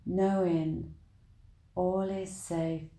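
A woman leading a guided meditation in a soothing, deliberate manner, with long pauses between short phrases. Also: fairly low pitch, level tone, mellow, roomy sound.

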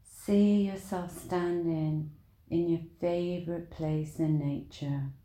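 A woman leading a guided meditation in a soothing, deliberate manner, with long pauses between short phrases. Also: fairly low pitch, fairly even intonation, mellow, echoey room.

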